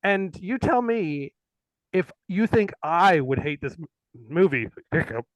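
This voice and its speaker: A man's voice: high voice, lively intonation, unhurried, no room sound, rough recording. A man co-hosting a casual livestream, chatting about movies in a rambling, laughing way, a little tipsy and swearing casually. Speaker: livestream co-host.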